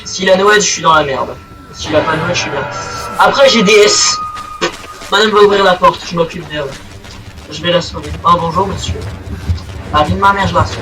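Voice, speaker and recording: A young man giving crude, excitable commentary while he plays a game, swearing often. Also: high-pitched, moderate pace, pauses often, distant mic, poor audio. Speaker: gaming video creator. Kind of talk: playing commentary. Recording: voice set back from the mic, game music behind.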